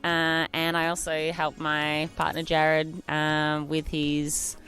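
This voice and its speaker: A woman's voice: low voice, monotone, slow pace, a bit bright, soft background music. A woman in her thirties from Bendigo with an Australian accent, chatting in an easygoing way with some hesitation. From Bendigo, Victoria. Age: 30s. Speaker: cyclist and bike team manager. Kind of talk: casual chat.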